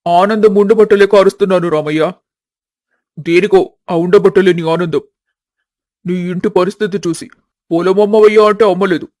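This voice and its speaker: A man voicing a boastful, scheming village headman in an animated family story. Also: high voice, normal speed, pauses often, no echo, clean studio sound, close to an everyday voice. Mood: gloating. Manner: mocking, boastful.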